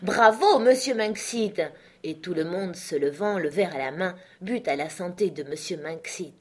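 A woman reads a classic novel aloud. Her narration is measured and expressive, with a literary audiobook style. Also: sits low, husky.

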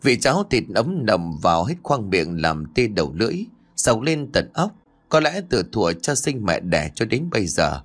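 A man narrating a scripted horror story, telling it in a dramatic and animated way. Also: fairly low pitch, normal speed. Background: faint music.

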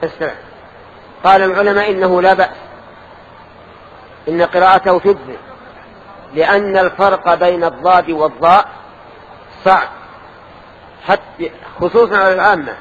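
A man's voice: high-pitched, normal speed, long pauses, a bit bright. An older man giving a religious lesson in a mosque, quizzing and correcting his students as he explains. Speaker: religious teacher. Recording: dull lo-fi lesson recording with faint noise.

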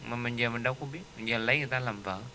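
Bright-voiced man teaching. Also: mid-range voice, racing, a little hiss or hum. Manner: storytelling, with frequent rhetorical "right?" tags. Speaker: Buddhist teacher. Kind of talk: dharma talk.

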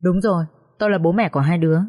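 An anxious, stern father in an audio story who asks blunt, urgent questions, as a woman narrator reads him. The voice sits fairly low. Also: racing, warm tone, close to an everyday voice. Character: worried middle-aged father, stern and shaken.

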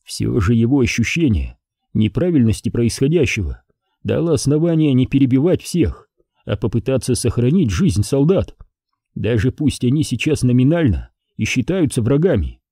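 A man narrating an audiobook in an expressive storytelling manner. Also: medium pitch, moderate pace, breathy edge, no echo, studio quality. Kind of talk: scripted narration.

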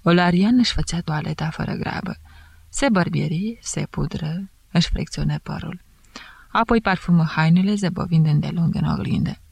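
A woman narrating a novel in a measured, steady storytelling voice. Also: fairly low pitch, gravelly, breathy edge. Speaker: audiobook reader. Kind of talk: scripted narration.

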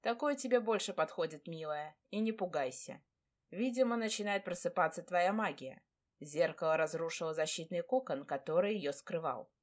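A woman voicing a proud, brooding male dragon lord who speaks tenderly to his fiancée, in a low, hushed tone. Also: animated, normal speed, natural voice.

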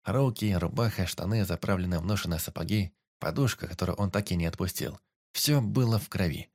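A man narrating a dramatic story in a steady, measured reading. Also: low voice, husky. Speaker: audiobook narrator. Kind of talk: scripted narration.

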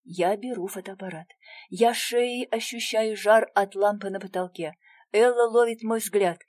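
Female audiobook narrator, quiet tense delivery, medium pitch, dry booth sound. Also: unhurried, no room sound. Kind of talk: first-person audiobook narration.

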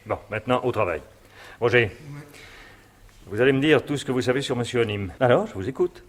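An actor playing a calm, authoritative elderly judge who questions the others in a measured way in a 1970s radio drama. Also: male voice, medium pitch, close to an everyday voice. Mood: commanding.

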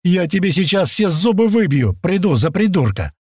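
A man reading an audiobook, voicing a brash, hot-headed young man who shouts and mocks. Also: medium pitch, steady tone, no room sound, studio quality, close to an everyday voice. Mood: cocky. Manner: loud, mocking and quick to shout. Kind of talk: audiobook character voice.

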